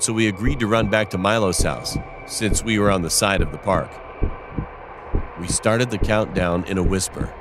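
A man's voice: on the low side, noisy background. A young man narrating a first-person scary story in a scripted telling.

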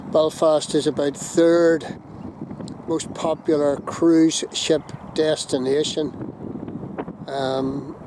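A Northern Irish vlogger talks slowly on a windy hilltop viewpoint, his voice a little high and level. His casual walking commentary is chatty and rambling, full of fillers and self-corrections, and wind buffets the handheld phone camera's mic.

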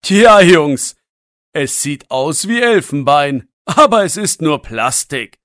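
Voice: big pitch swings, slow, fairly bright tone, no echo. Older man, hearty laugh, firm narrator-voiced, dry mic. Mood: stern. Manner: hearty booming laughter, chuckling while talking. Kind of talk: audiobook role voice.

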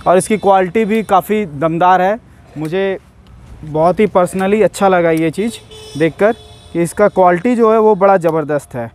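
Washing a car in a yard, a young man casually shows and reviews a pressure washer gun, speaking to his viewers as though they're friends. His voice is high-pitched and darkish in tone at a moderate pace, and he's filmed outdoors from a few steps away.

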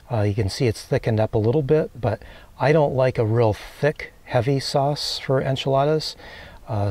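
A man in his forties calmly talking through a recipe while cooking in a small camper van kitchen, with many relaxed "uh"s. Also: medium pitch. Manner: calm, unhurried, many filler "uh"s. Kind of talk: casual cooking demonstration.

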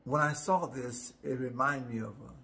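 A man in his sixties speaking as a chaplain in a personal, reflective devotional talk, halting and heartfelt, with repeated words and long pauses. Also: mid-range voice, fairly even intonation, vocal fry, sharp tone. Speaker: chaplain, host. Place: indoor room, home studio.

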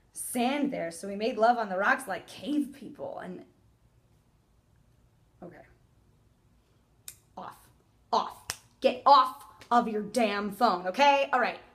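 Young woman, played by an actress, dramatic monologue, defensive, wistful, halting, emotional delivery, medium pitch. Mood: defensive, exasperated. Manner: halting, emotional, swinging between loud insistence and hushed wistfulness. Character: defensive young woman wistfully recalling a lost love affair. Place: indoor room, plain wall.

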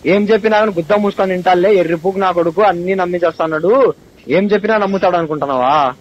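A young man in a heated phone argument, angry and accusing, with an abusive, rapid-fire way of talking. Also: high-pitched. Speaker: college student on a phone call. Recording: phone call recording, dull with faint hiss.

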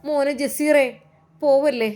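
Storybook tale: a woman doing a high, anxious, fretful middle-aged mother. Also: steady tone, slow pace, a little mellow. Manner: anxious, pleading, high-strung.

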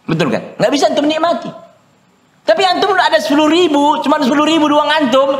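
A male preacher giving a religious study lecture, lively and full of rhetorical questions to his listeners. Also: very high voice, fast talker. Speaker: Islamic preacher. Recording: echoey lecture room.

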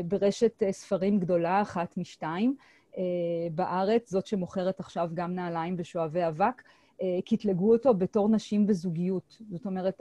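A woman's voice: mid-range voice, mellow, dry recording. A middle-aged woman historian giving an academic lecture at an online seminar, speaking hesitantly with many filler sounds and restarts. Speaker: Holocaust historian presenting her research. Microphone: computer mic on a video call.

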